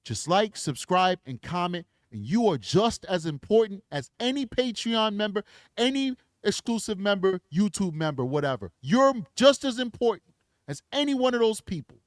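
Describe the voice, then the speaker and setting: A man's voice: high-pitched, expressive, normal speed, no echo, studio quality. Impassioned man hosting a livestream. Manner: preachy, emphatic, then chatty plugs. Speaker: true crime livestream host. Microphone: desk microphone.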